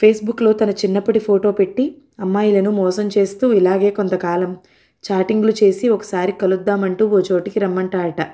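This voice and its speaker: A weary middle-aged father from an audio storybook, speaking slowly and quietly, as a woman reads his part. His tone is subdued and mellow throughout. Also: mid-range voice, flat delivery, close to an everyday voice. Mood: somber. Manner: slow, subdued.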